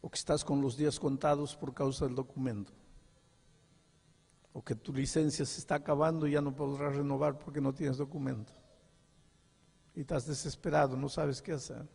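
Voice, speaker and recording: An older man preaching a sermon as a pastor, telling a story with dramatic dialogue and swinging from hushed to loud. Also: medium pitch, steady tone, normal speed, creaky, pauses often, husky, in a large hall. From Peru.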